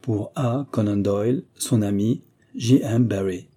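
A man narrating a literary audiobook in a measured, even reading. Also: fairly low pitch.

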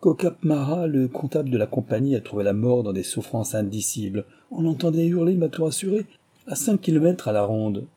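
A man voicing a blunt, rough-spoken trader who swears and thunders, in an audiobook. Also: medium pitch, lively intonation, brisk, dark tone, voice pushed up. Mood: grim. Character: gruff blunt male colonial trader, swearing.

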